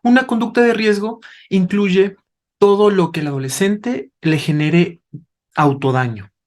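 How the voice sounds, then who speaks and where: A man's voice: high-pitched, a little slow, a little mellow. A man, a doctor, explaining to parents in a didactic way, asking rhetorical questions as he goes. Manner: didactic, asks rhetorical questions, tags with "¿vale?". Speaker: doctor, invited expert.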